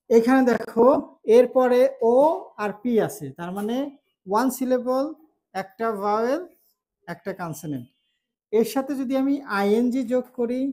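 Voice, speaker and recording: A woman from Bangladesh teaching an English spelling rule, explaining slowly, repeating key points and checking that students follow. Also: a little high, a little mellow. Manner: slow, repetitive explaining with check-in questions. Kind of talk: classroom spelling lesson.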